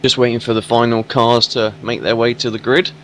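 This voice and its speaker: A man doing casual live race commentary in a hungover voice. His pitch sits mid-range, and there is clear noise with vehicle sound behind him. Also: level tone, fairly quick, fairly bright tone.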